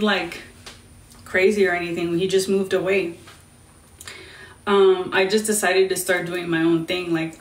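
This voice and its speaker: A woman's voice: mid-range voice, distant mic. A young woman from the Midwest chatting live with viewers, switching between English and Spanish mid-sentence. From Indiana, US Midwest. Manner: chatty, answers viewer questions. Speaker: TikTok live streamer. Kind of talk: casual live-stream chat. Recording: roomy sound from off-mic.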